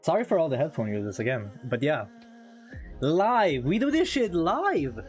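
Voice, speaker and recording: With a fairly high voice and big pitch swings, this man talks at a moderate pace during a casual live trading stream. He's a second-language English speaker who laughs often and reads chat out loud, faint music audible behind.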